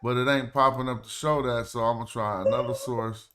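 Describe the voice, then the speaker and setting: A man with a mid-range, bright, pushed voice hosts a casual livestream, speaking briskly with fairly even intonation. He talks loosely and thinks aloud while walking through ancient Egyptian words in hieroglyph texts.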